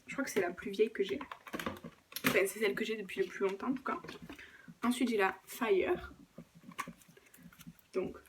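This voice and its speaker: At home, a woman vlogger films herself with a tripod-mounted camera mic, casually going through her makeup collection. Her voice is mid-range against a noisy background. She chats along, often hesitating and correcting herself.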